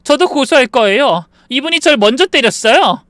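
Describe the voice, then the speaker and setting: Man voicing a fed-up young wife shouting back. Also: very high-pitched, animated, brisk, clear, resonant tone, no echo, clean studio sound, voice pushed up, exaggerated voice. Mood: firm explaining. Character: angry young wife standing her ground.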